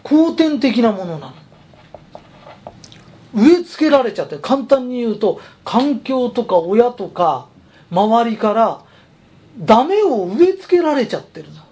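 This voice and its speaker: A man's voice: extremely high pitch, very animated, unhurried, pauses often, warm tone, husky. A man who runs a company, giving a chatty, emphatic motivational talk. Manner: chatty, emphatic, persuasive storytelling. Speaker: company president.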